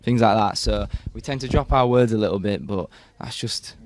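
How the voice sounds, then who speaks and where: A man's voice: lowish voice, moderate pace. A young man with a Yorkshire accent, chatting and laughing easily in an interview. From Yorkshire, England. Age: young adult. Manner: chatty and laughing, with frequent fillers. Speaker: university student, torch relay participant. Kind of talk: casual interview chat.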